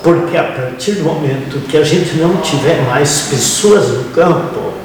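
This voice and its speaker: A man with a southern Brazilian accent telling his story as an interview guest, reflective and halting, pausing mid-phrase. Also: a little high, lively intonation, background noise. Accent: southern Brazilian, Rio Grande do Sul. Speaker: interview guest, family farmer. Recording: very echoey hall, distant mic, crowd murmur.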